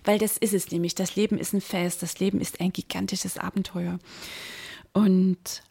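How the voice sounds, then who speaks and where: A business mindset coach hosting a podcast speaks directly to the listener in a motivational monologue, exhorting and stressing key words. Her voice is husky, creaky and dark, medium in pitch, with a flat delivery at a moderate pace.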